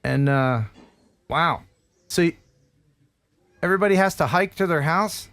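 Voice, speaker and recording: This unhurried voice belongs to a fifty-something American man hosting a video call interview from his home studio over a headset. Slightly high, a bit bright, clear and resonant, with no room sound, he comes across as enthusiastic, exclaiming and laughing often.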